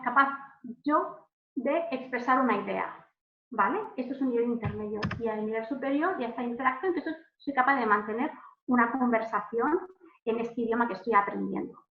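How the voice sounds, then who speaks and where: A woman's voice: fairly high pitch, moderate pace. A woman from Spain, giving an informal online lesson as a language examiner, chatty, with many fillers and restarts. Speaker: language proficiency examiner and teacher. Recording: phone-like audio in an echoey room.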